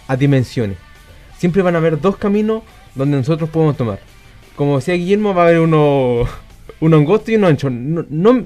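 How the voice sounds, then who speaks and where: Mellow guy, bit high pitched, calmly explaining faith stuff, music faint behind. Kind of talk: casual faith chat.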